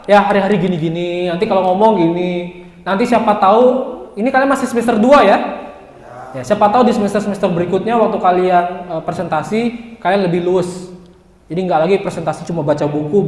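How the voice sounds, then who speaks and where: A young man in his twenties, a university lecturer, teaching a class in a lively, joking way and speaking straight to his students. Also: high voice. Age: 20s. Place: large classroom. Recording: echoey classroom with long reverb.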